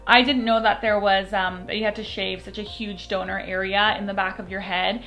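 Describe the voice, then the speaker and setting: A woman's voice: medium pitch, little pitch movement, moderate pace, a bit bright, faint music behind. A woman talking candidly to camera in a casual vlog, recorded as a phone video on the phone's own mic, chatty and full of fillers. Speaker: vlogger. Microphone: phone microphone, no external mic.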